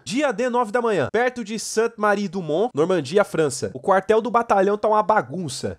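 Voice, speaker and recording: A gaming channel host with a Brazilian Portuguese accent and a slightly high voice plays through a let's play. He jokes and yells during firefights and reads the mission text aloud haltingly.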